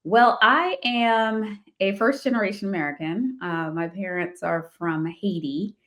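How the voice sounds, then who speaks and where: A real estate investor from the Washington, D.C. area tells her life story as an interview guest, laughing often and restarting sentences in a casual way. Her mid-range voice is fairly bright, at a measured pace.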